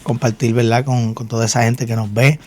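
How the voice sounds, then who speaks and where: A man's voice: medium pitch, flat delivery, fairly quick, no room sound. A man from Puerto Rico with a Puerto Rican accent, a minister giving his testimony in an earnest way, repeating words and using fillers. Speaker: minister and guest. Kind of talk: testimony interview.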